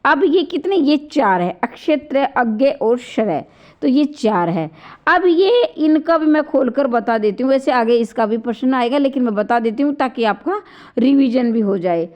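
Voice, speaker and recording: A woman with a high voice gives an online grammar lesson, going step by step and voicing each sound aloud to demonstrate. Her throat is slightly sore. The recording is dull and lo-fi. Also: animated, normal speed. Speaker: Hindi grammar teacher. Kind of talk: online exam-prep lecture.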